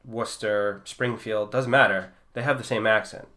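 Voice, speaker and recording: A man's voice: fairly low pitch, steady tone, normal speed, bright, forceful tone. A man from Massachusetts with a mild local accent, co-hosting a casual chat in a blunt, teasing, emphatic way. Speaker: podcast co-host.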